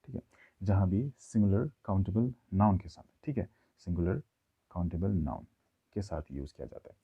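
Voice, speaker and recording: A man teaching a classroom grammar lesson, explaining slowly and checking in with his listeners often. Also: deep voice, expressive, vocal fry, mellow, husky. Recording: tinny phone-like audio.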